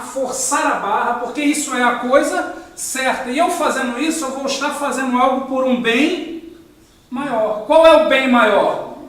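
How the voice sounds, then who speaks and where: A man's voice: very high voice, a bit bright, a little hiss or hum. A Brazilian man leading a spiritist study group, explaining ideas with frequent rhetorical questions and a habitual "né?". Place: meeting room of a study group. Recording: echoey room, distant mic.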